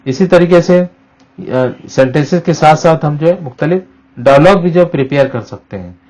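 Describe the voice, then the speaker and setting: A man's voice: a little high, normal speed, a little mellow, poor audio. A middle-aged man, a teacher explaining a lesson to students and slipping English phrases into his talk. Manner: explanatory, mixes English into Hindi-Urdu, frequent "uh" fillers.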